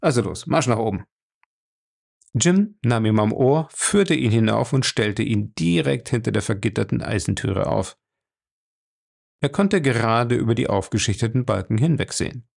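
Man, audiobook narrator, gravelly, mid pitch, steady. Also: moderate pace. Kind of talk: audiobook reading.

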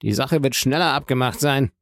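A man voicing a haughty, indignant rich gentleman in an audiobook, with imperious, exasperated outbursts. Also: mid-range voice, normal speed, no echo, studio quality, close to an everyday voice. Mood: outraged. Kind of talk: audiobook character voice.

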